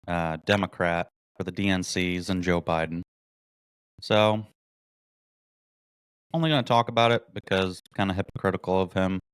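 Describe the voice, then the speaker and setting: A man's voice: sits low, clear, resonant tone, no echo. A man hosting a podcast, delivering a mocking, indignant political commentary monologue and reading articles aloud. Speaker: podcast host.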